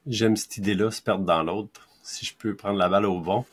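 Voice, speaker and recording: Husky Québécois man, low voice. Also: fairly even intonation, normal speed. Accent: Québécois French. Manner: thoughtful, hesitant, with soft laughs. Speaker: podcast co-host. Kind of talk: casual reflective chat.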